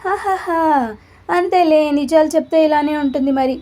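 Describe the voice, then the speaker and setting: A woman voicing a man's mocking inner conscience, his teasing double, who speaks slowly and playfully. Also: sits high, mellow, lightly acted.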